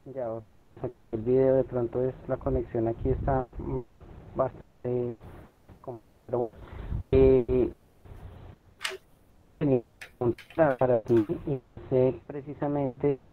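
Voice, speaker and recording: A man's voice: mid-range voice, level tone, slow pace, pauses often. A man moderating an online seminar over a bad phone connection that breaks up, talking hesitantly with many fillers. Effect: bad phone connection, thin and breaking up. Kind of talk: casual hosting over a video call. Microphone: cellphone on a video call. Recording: tinny phone line with faint noise.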